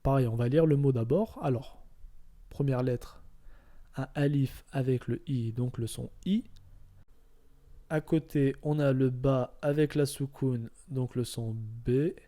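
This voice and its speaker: A man's voice: mid-range voice, steady tone, a little slow, warm tone. A man teaching Arabic reading step by step, patient and repetitive, often checking in with his listeners. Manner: patient, repeats each step, checks with "d'accord?". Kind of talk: step-by-step lesson.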